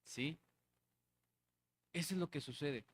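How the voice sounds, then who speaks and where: A man's voice: fairly high pitch, slow, breathy edge. A man preaching a conversational sermon in a church, repeating phrases and checking in with the congregation. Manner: conversational, asks the congregation for agreement. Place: church hall.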